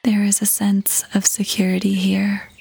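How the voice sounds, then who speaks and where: Soothing and gentle, this woman narrates a guided meditation from a script in a near-whisper with a breathy softness. The pace is very slow, the pitch stays level, long pauses punctuate her words, and music plays underneath.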